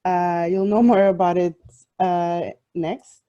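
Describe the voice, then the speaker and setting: A young woman from Portugal, a software developer, giving an online talk with many fillers and restarts. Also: lowish voice, fairly even intonation, slow pace, dull audio. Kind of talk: online presentation.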